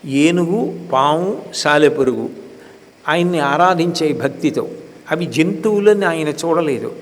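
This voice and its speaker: An older man with a Telugu accent giving a slow, emphatic devotional discourse, now and then chanting verses. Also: a little high, animated. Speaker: spiritual discourse speaker. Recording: reverberant hall with faint background hiss.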